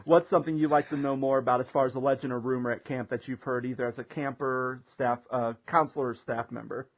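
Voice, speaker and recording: A man hosting a podcast, telling stories in a lively, casual way and often laughing. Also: mid-range voice, quick pace, lo-fi sound, background noise. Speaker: podcast host. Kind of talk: casual storytelling chat.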